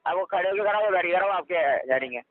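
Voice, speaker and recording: A man's voice: sits high, expressive, fast talker, background noise. A man working as a loan recovery agent on a phone call, pressing a customer for payment and repeating his demands. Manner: pushy, repeats demands insistently. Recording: tinny phone line.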